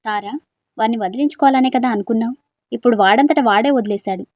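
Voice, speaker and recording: A woman's voice: a little high, fast, a little mellow, dry recording, close to an everyday voice. A woman voicing a level-headed young woman who firmly warns her friend, in a storybook reading. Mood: firm, worried. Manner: firm, frank advice.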